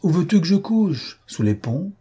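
A man voicing a calm, self-assured gentleman detective who reasons firmly. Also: sits high, normal speed, slightly rough, pitched above the performer's own voice, heavily acted. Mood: wry.

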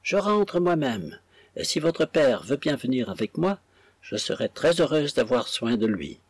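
A man voicing a timid, kind young seamstress who speaks softly and slowly. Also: mid-range voice, big pitch swings, breathy edge, no room sound, exaggerated voice. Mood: gentle. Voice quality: soft, slow, kind.

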